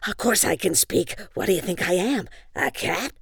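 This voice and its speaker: A woman doing a cocky talking basset hound. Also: lively intonation, moderate pace, vocal fry, a bit bright, breathy edge, dry recording, studio quality, exaggerated voice. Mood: brash. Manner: streetwise, brash.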